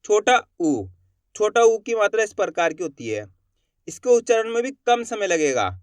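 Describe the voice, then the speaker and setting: A man with a very high, smooth, resonant voice teaches the Hindi alphabet. He asks a question, answers it himself, and stretches each vowel slowly and clearly. The recording is dry and close. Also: big pitch swings, dry recording. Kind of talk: classroom lesson.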